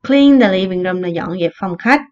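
A woman teaching an English lesson, explaining words in Vietnamese and slowly repeating the English phrases. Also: medium pitch, expressive, darkish tone, dull audio. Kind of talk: recorded online lesson explaining vocabulary.

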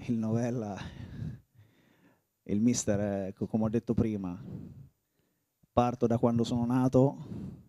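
Italian man in his forties, very dark mellow low voice, dry close sound, halting reflective storyteller. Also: steady tone, no echo. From Italy. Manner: reflective, halting, often restarts phrases. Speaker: former footballer. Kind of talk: reminiscing interview.

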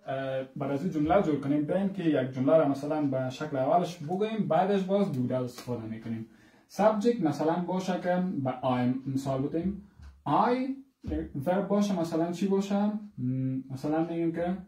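A man teaching English grammar, repeating example sentences slowly and asking the class rhetorical questions. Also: on the high side, darkish tone, reverberant, far from the mic. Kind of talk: grammar lesson.

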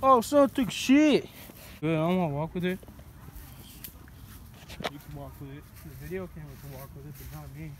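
Young excitable friend on a beach, bouncy intonation, sliding into a country drawl. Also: mid-range voice, brisk, long pauses, background noise. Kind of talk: casual vlog chat. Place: outdoors on a beach.

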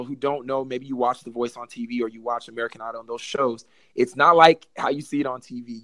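A man's voice: medium pitch, no room sound. Young male podcast guest, earnest and preachy, mid-range voice, dry recording. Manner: earnest, preachy, addresses listeners as y'all. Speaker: podcast guest, gospel artist. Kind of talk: casual testimony chat.

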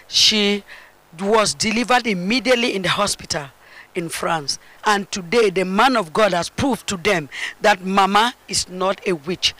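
A middle-aged woman from Cameroon giving an earnest, halting testimony at a church, speaking into a handheld mic on a large indoor stage. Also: mid-range voice, a bit bright, rough recording. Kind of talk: spoken testimony.

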